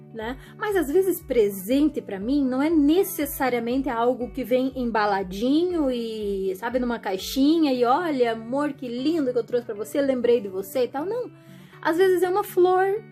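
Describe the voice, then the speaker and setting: A woman talking to her viewers in a chatty, animated way, often acting out what other people say. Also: sits high. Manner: chatty, animated, acts out quoted voices. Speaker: vlogger. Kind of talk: casual monologue to camera.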